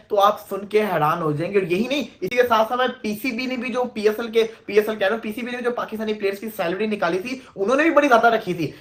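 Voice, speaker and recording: A man's voice: high-pitched, fairly bright tone. A man hosting a video, chatting casually and explaining step by step. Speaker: video host.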